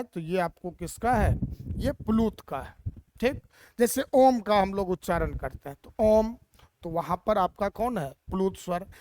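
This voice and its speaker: A woman teacher explains Hindi grammar step by step, posing rhetorical questions along the way. Her voice is medium-pitched with a darkish tone, recorded with no room sound.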